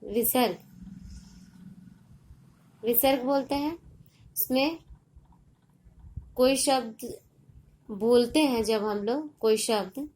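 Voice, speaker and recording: A woman teaching a primary school class in a recorded online lesson, explaining slowly and deliberately and often checking that the children understand. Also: on the high side, a little mellow. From India.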